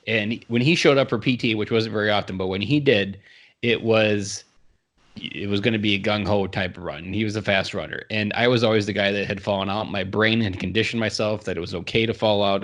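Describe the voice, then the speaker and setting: Earnest low-voiced man telling his story. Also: a bit bright. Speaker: podcast guest. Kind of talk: casual interview conversation.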